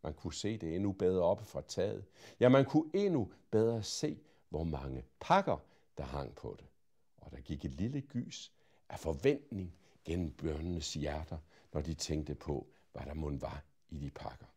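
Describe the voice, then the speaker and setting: Expressive male storyteller. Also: sits low. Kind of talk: reading a Christmas story aloud.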